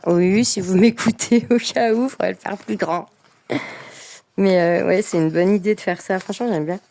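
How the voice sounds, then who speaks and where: A woman's voice: lowish voice, a little mellow. A woman chatting casually in a vlog about coloring books, enthusiastic and full of fillers. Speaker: coloring book vlogger.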